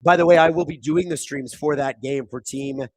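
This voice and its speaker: A man with a thin, raspy, hoarse voice hosts a live hockey watchalong through a streaming microphone, his voice squeaking at times. At medium pitch and normal speed, with no room sound, he chats casually, reads viewer comments aloud, and calls the big plays excitedly.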